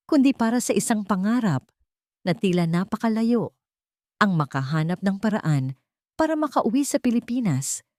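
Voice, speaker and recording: A woman with a Filipino accent narrates a dramatic romance story from a script. Her voice is fairly low and a little mellow, recorded at studio quality with no echo.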